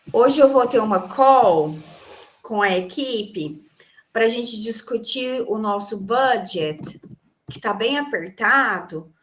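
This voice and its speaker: Over a video call, a woman from Brazil gives an English lesson, explaining vocabulary, quizzing the class, and answering the questions she puts to them. She speaks in a mid-range voice that is a bit bright.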